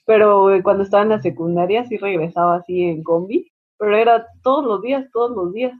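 A Mexican woman chatting casually, telling lively stories and acting out shouted bits. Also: medium pitch, fast. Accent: Mexican Spanish. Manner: animated storyteller, acts out shouted quotes. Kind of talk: casual chat. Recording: phone-like lo-fi line.

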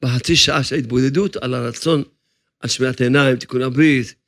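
A man's voice: medium pitch, fairly even intonation, a bit bright, dry recording. A man preaching a sermon as a rabbi, emphatic, driving his points home by repeating phrases.

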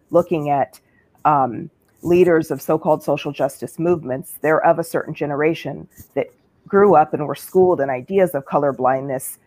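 A woman with a low voice speaks as a panelist, earnest and articulate. The sound is close and dry. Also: darkish tone, no room sound. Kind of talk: panel remarks.

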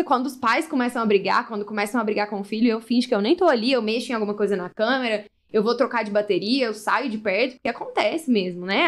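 A young adult woman, a family photographer, chatting casually in a live session and acting out the lines of the people in her stories. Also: fairly high pitch. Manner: lively storyteller, acts out dialogue.

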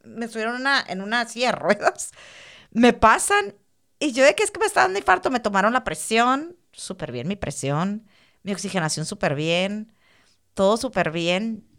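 A woman, a podcast guest telling a personal story in a casual, animated way and repeating words for emphasis. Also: medium pitch, moderate pace.

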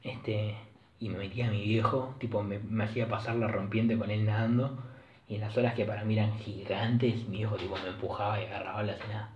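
A young man with a Rioplatense Argentine accent rambles through his solo podcast in a low, flat voice, full of crude slang and self-corrections. The recording is dull and lo-fi, with a boomy, echoey room and faint hiss behind him. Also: a little fast. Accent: Rioplatense Spanish. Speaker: podcast host. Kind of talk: casual solo podcast monologue.

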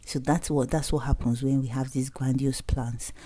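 A woman's voice: a bass voice, steady tone, moderate pace, dark tone, dry recording. A woman in her thirties with a Nigerian accent, giving an earnest, conversational faith-based motivational talk as a podcast host, slipping between Pidgin and English.

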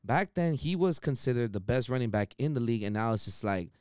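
A man in casual sports chat, blunt and animated, swearing freely as he gives his opinions. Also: medium pitch, brisk, clear, resonant tone, no echo, clean studio sound. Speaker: podcast co-host.

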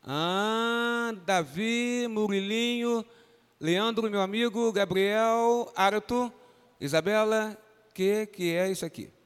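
In a reverberant church hall, a pastor with a Brazilian Portuguese accent runs an interactive Bible lesson for kids, coaxing them by name to answer. His voice is high and clean, and he takes his time.

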